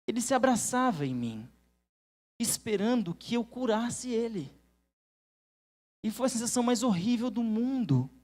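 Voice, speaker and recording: A Brazilian man preaching a sermon as pastor, telling a personal story in an earnest way that swings between loud emphasis and hushed, low passages. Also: big pitch swings, measured pace, long pauses. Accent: Brazilian Portuguese. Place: church.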